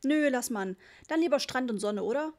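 A woman's voice: high voice, expressive, moderate pace, a little mellow. A woman voicing a laconic middle-aged father who answers in a dry, offhand way.

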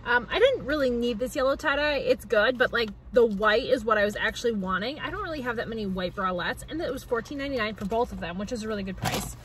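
A woman's voice: on the high side, fast, hardly any pauses, a bit bright, a little hiss or hum. A young woman in her twenties chatting casually and rambling cheerfully in a vlog, filmed on a phone in her bathroom and parked car. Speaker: vlogger.

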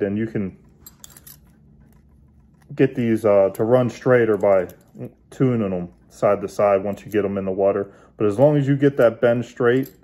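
A man hosting his own fishing channel, casually showing how he bends and adjusts a lure while he talks, in a relaxed hands-on way. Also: on the low side. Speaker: bass angler, channel host.

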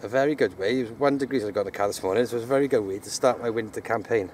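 An angler chats casually outdoors on the grassy bank of a fishing lake, speaking rapid-fire in a mid-range, darkish voice. A camera a few steps away picks him up, so the audio sounds distant, with faint noise.

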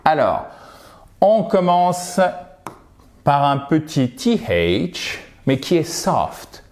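A French-speaking man teaching English pronunciation in an online lesson, lively and coaching, modeling words by repeating them. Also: on the high side, extremely slow.

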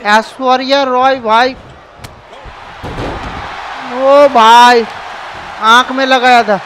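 A man giving excited, casual commentary over a wrestling video game and often shouting. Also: very high-pitched, drawn-out words. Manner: excitable, shouts often, calls people bhai. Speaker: gameplay commentator. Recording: noisy background with crowd sounds. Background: video game arena crowd and noise.

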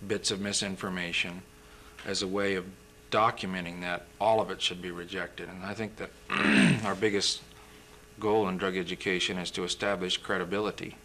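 A young adult man appears as a physician guest in a studio interview, answering questions in a steady, measured, explanatory manner with occasional throat-clearing. His voice is low but has a bright, forceful edge, and a faint hiss of old TV film lies beneath it.

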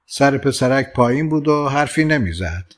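A man reading a literary story aloud as an audiobook narrator, in a calm, measured storytelling voice. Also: medium pitch. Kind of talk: scripted narration.

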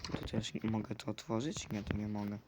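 A man commentating a video game, chatting to the game characters with sudden loud outbursts. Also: lowish voice, monotone, a little fast. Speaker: gamer. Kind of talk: let's play commentary. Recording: clear clicking noise behind.

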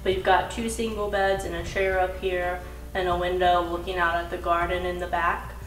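A woman's voice: lowish voice, flat delivery. Woman giving an echoey house tour. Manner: slow, descriptive, upbeat tour-guide delivery. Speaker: travel vlog co-host. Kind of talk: home tour narration. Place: indoors in a small holiday rental house. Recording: echoey rooms with background music.

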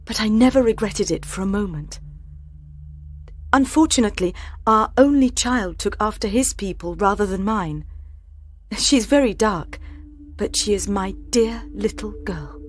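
A woman's voice: mid-range voice, lightly acted. Woman reading a proud, pleading young wife. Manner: pleading, emotional delivery. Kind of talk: audiobook drama reading. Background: soft music.

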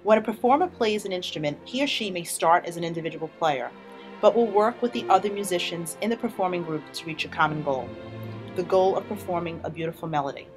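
Woman, school staff, lower pitch, measured and formal, faint music. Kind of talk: scripted talk to camera.

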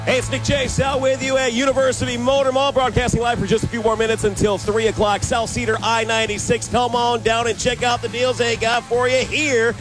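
A man's voice: very high voice, little pitch movement, a little fast, few pauses, music in the background, poor audio. A man hosting a live radio remote, talking in an upbeat, hard-selling announcer manner. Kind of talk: radio promo patter.

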